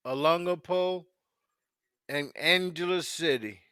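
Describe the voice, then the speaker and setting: A man's voice: a little high, takes it slowly, pushed and bright, smooth, dry recording, studio quality. A man in his fifties hosting a casual live chat with strangers, talking in a laid-back, drawling and repetitive way. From United States. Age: 50s. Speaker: host of a live video chat.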